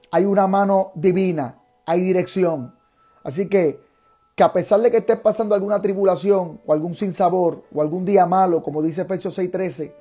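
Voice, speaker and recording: A male preacher hosting a live faith program, his voice high yet mellow. He talks fervently and keeps dropping in exclamations of praise. Faint music plays beneath him. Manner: fervent, sprinkled with "gloria al Señor" and "aleluya". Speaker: host and preacher. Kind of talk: preaching, then live online interview.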